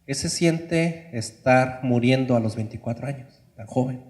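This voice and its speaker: A preacher playing a gentle male professor. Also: mid-range voice, measured pace, close to an everyday voice. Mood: tender.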